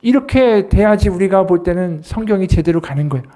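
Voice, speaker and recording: A man's voice: sits high, animated, brisk, dark tone. A man, an associate pastor, preaching an earnest sermon and voicing quoted scripture and dialogue with emphasis.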